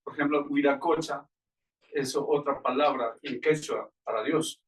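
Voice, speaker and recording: A man's voice: a little high, fairly even intonation, measured pace, far from the mic, low-quality recording. A man from the congregation sharing in a church discussion, conversational and full of hesitant fillers. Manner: conversational, filler-heavy with este. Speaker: congregation member. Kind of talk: church Q&A talk.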